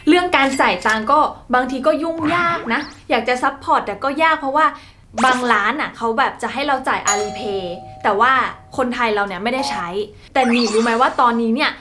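A woman's voice: fairly high pitch, brisk, noisy background. A woman hosting a playful pronunciation lesson, chatty and teasing, often laughing. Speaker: host. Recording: music playing underneath.

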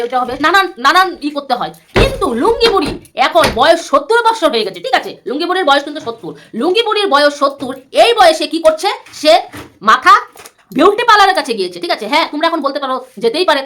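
A woman's voice: high-pitched, fairly bright tone. A woman YouTuber giving an angry roast rant to her viewers, scolding and insulting and repeating herself.

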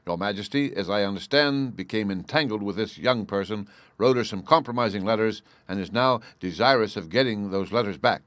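A man voicing a cool, astute gentleman detective in an audiobook, languid and incisive, with a dry, formal manner. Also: lowish voice, a little fast, no room sound, lightly acted. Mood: musing.

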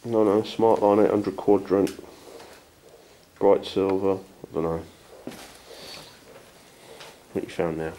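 Man, low voice, crude jokey banter, exploring derelict house, faint hiss. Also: fairly even intonation, unhurried, dark tone. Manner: joking, crude, swears freely. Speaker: urban explorer. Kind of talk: casual banter while exploring. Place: abandoned house indoors.

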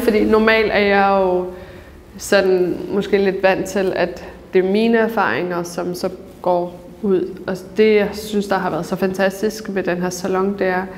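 A woman's voice: mid-range voice, a little hiss or hum. Earnest woman in a reverberant gallery. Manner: earnest, thoughtful, with many pauses and fillers. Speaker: author and debater. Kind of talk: reflective interview. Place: large museum gallery. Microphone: lapel mic.

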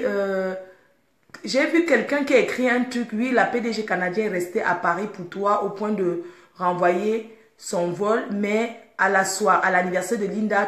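A woman who has just woken up, chatting casually and groggily to her viewers from her bedroom. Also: medium pitch. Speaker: vlogger. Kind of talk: casual live video chat. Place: bedroom, indoors. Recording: echoey room.

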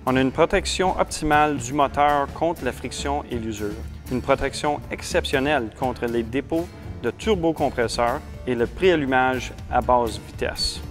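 A man in his thirties with a Québécois accent, talking earnestly about building cars, with some halting restarts. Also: mid-range voice, faint music behind. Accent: Québécois French. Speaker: car builder. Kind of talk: casual interview.

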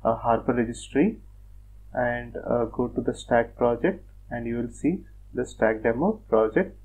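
Man calmly walking through a screen demo. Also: mid-range voice, a little slow, slightly rough, dull audio. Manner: plain, methodical, frequent "uh" and "like" fillers. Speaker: software tutorial presenter. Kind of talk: screen-recorded technical walkthrough.

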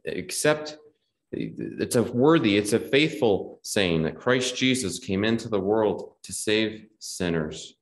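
A man's voice: on the low side, animated, slow pace. Earnest male preacher in an echoey hall. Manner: earnest, repeats key phrases, quotes scripture in old wording. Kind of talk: gospel preaching. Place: gospel hall.

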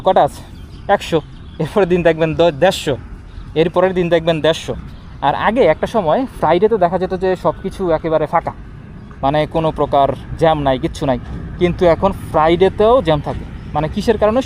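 A man's voice: fairly high pitch, a little mellow. A man with a Bangladeshi accent giving a casual vlog explanation to viewers, speaking from inside a helmet. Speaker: motorbike vlogger. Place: outdoors by a city road. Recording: light outdoor street and vehicle noise.

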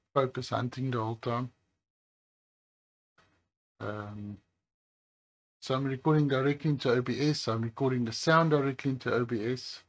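A gravelly, low-voiced man who runs a phone repair channel speaks to camera at his roadside workbench by a highway. His pace is slow and easygoing, dotted with hesitations.

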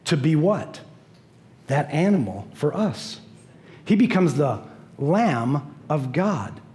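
Animated middle-aged male pastor preaching. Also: fairly high pitch. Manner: animated preaching, pacing the stage with wide gestures. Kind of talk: sermon. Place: church stage in a large dim hall.

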